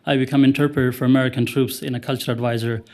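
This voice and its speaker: A man's voice: medium pitch, flat delivery, racing, darkish tone. A man from Afghanistan, a former interpreter giving earnest public remarks at a city council meeting. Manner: earnest, grammar slips, fervent.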